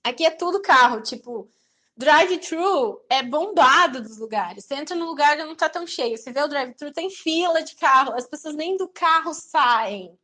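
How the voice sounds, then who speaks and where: A young adult woman with a Brazilian accent, hosting a podcast in a chatty, lively way and acting out the people she quotes. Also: high-pitched, normal speed. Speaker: podcast host. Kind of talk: casual chat.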